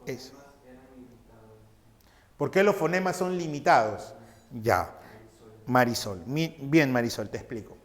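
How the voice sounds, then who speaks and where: A man's voice: mid-range voice, lively intonation, unhurried, pauses often. A male teacher giving a recorded class lecture, explaining step by step and asking his students questions that he then answers himself. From Peru.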